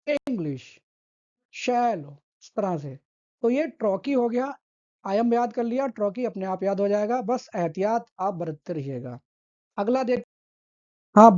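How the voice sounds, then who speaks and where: An English literature teacher with a fairly high, warm voice gives an exam-prep lesson, patiently repeating key terms and asking questions as she explains. The sound quality is lo-fi.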